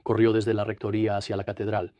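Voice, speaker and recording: An older man from New Jersey, a priest and interview guest, recounting his life in a measured, reflective way. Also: lowish voice, completely flat delivery, dark tone, dry recording. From Trenton, New Jersey, USA. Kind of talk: studio interview, dubbed.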